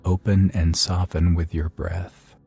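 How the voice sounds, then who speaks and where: A man's very low, dark, gravelly voice guides a meditation while soft music sits faintly behind him. Relaxed and soothing, he speaks evenly and without hurry, pausing at length between phrases.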